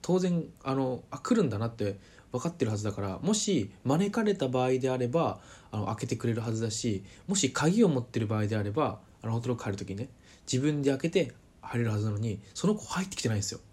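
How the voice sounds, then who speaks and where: A man casually telling a personal story to camera, chatty and full of fillers, animated as he retells events. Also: medium pitch, quick pace, husky. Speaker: vlogger.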